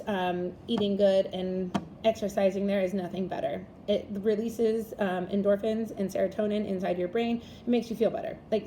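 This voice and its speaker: A woman's voice: medium pitch, dark tone, a little hiss or hum, rough recording. A woman in her thirties teaching a class, talking to her students in an encouraging, chatty way and often checking in with "right?" and "okay?".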